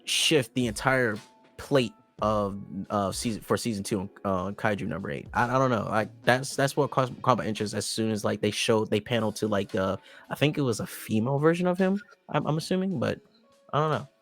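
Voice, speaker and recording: A man's voice: fairly low pitch, a little fast, a bit bright, faint music behind. A man co-hosting an anime podcast, talking in a loose, rambling way with lots of restarts and fillers. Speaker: podcast co-host. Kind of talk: casual chat.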